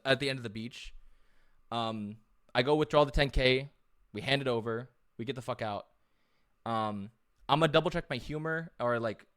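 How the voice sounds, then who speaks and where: A man telling a travel story in an animated, profane, self-mocking way. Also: mid-range voice. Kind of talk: casual storytelling.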